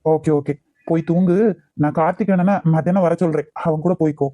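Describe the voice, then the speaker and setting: A woman voicing a gentle, caring young man in a cartoon love story, talking in a soft, teasing and reassuring way. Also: sits low, fairly even intonation, a little fast, no room sound, lo-fi sound. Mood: tender teasing. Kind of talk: cartoon voice acting.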